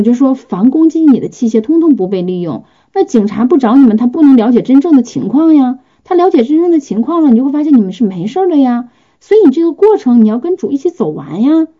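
A woman delivers a chatty sermon, lively and conversational, acting out prayers and little scenes as she goes. Her voice is very dark and mellow. The recording is dull and lo-fi. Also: on the high side. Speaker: preacher. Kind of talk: informal sermon.

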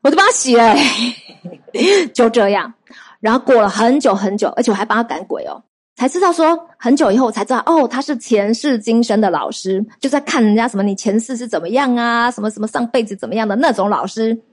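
A woman preaching, her voice sitting a little higher than most. She tells testimonies in a lively, conversational way and keeps asking her listeners questions. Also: brisk. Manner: lively storytelling with rhetorical questions to the audience. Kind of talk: sermon.

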